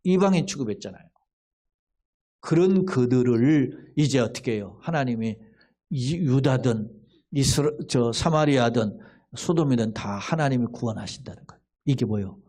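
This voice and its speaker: A man's voice: mid-range voice, lively intonation, moderate pace, dark tone. A middle-aged male pastor giving a Bible exposition in a conversational sermon style, asking rhetorical questions and acting out quoted lines.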